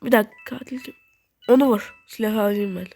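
A young woman giving casual, excitable commentary while playing a game and talking to her viewers. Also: mid-range voice, brisk, faint music behind. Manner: chatty, excitable, talks to viewers. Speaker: gaming video host.

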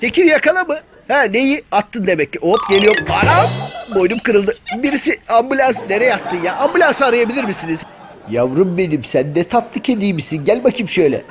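A man's voice: sits high, expressive, fairly quick, over music. A man voicing a chatty male house cat in a comic dubbing of pet videos, joking and grumbling with many exclamations. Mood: cheeky. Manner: colloquial, joking, full of exclamations.

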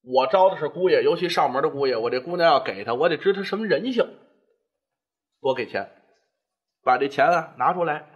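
A male storyteller voicing a stubborn, cautious old father who grumbles in a low voice. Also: expressive, a little fast, long pauses, muffled recording, close to an everyday voice. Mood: scheming.

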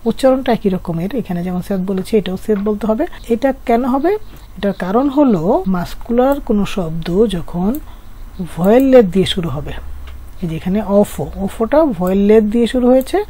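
Mellow-voiced woman teaching grammar. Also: medium pitch, expressive, fast. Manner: patient, explaining step by step with rhetorical questions. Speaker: French teacher. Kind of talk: whiteboard grammar lesson.

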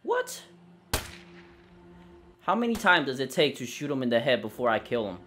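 A man giving casual let's play commentary on a game, excitable and cursing, with sudden shouts. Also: mid-range voice, normal speed, noisy background. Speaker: gamer.

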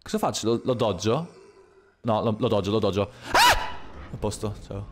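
A man streaming a horror game, commenting live and swearing, jumping from low muttering to yelling. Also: a little hiss or hum. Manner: swearing, excitable, quick shifts from muttering to yelling. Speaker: gaming streamer.

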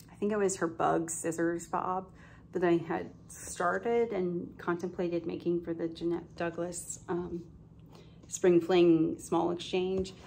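A woman chats casually to her camera at home, showing off her stitching with plenty of ums and restarts. Her voice sits low with a gravelly edge and sounds a little congested. A faint hiss runs under the recording. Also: darkish tone. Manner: chatty, rambling, many ums and self-corrections. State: slightly congested, coughing now and then. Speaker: cross-stitch vlogger. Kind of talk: casual show-and-tell chat.

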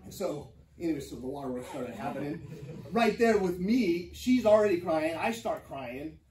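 A man's voice: a little high, expressive, moderate pace, a little mellow. A man teaching a church Bible class, telling a personal story with many ums and restarts. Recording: echoey room, mic from far off.

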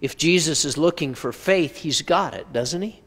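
A man's voice: on the high side, animated, normal speed, fairly bright tone. Man preaching a sermon in a reverberant hall. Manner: conversational, with rhetorical questions and dry humor. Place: church sanctuary.

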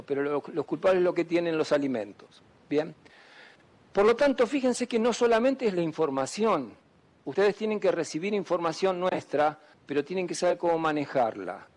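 A man, a doctor giving an emphatic public talk to students and often asking them questions. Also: fairly high pitch. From Argentina. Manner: asks the audience questions, emphatic.

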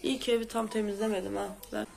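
A woman's voice: mid-range voice, level tone, very fast, creaky, a crowd in the background. A woman hosting a casual home vlog, chatty and exclamatory, a bit sick with a sore throat, complaining as she talks. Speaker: vlogger host. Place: at home, indoors.

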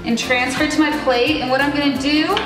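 A young woman in her twenties vlogs while cooking in her home kitchen, chatty, exclaiming and poking fun at herself. Her high voice is steady and fast. A camera mic at medium distance catches the echoey kitchen and background music.

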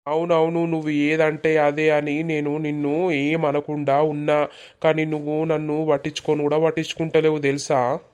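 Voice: medium pitch, level tone, normal speed, darkish tone, clear, resonant tone, close to an everyday voice. A performer doing Raju, a hurt village man. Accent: Telangana Telugu. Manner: reproachful, pleading, repetitive. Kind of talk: animated village comedy dialogue.

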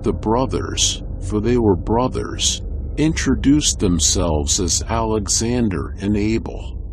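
Slow, low-voiced male story narrator. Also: expressive, background noise. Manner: measured and descriptive. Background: faint background music.

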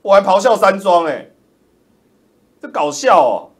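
Man, political livestream commentator; loud, roaring, sneering, pitch leaping all over. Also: very animated, a little slow. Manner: loud, roaring, mocking, insulting.

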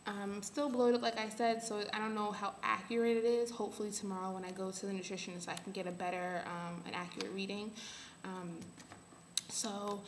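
A young adult woman giving a casual update to camera, halting as she thinks aloud. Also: mid-range voice, creaky. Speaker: vlogger. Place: small bare room at home. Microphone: webcam or laptop at arm's length. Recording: echoey room, faint background hiss.

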